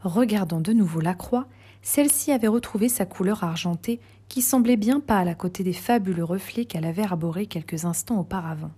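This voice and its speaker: A woman narrating a novel aloud in the first person, in a soft, half-whispered delivery. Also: medium pitch, a little fast, slightly rough.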